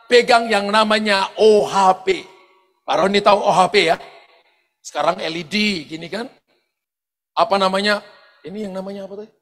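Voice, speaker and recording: A pastor telling personal stories in a sermon, animated, often shouting out quoted lines and laughing as he goes. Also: high-pitched. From eastern Indonesia. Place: large church hall. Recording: long hall reverb from church sound system.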